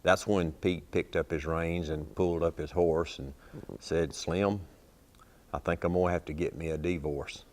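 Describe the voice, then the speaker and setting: Deep-voiced older cowboy poet with a drawl. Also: male voice, steady tone, moderate pace, darkish tone. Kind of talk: storytelling poetry recitation.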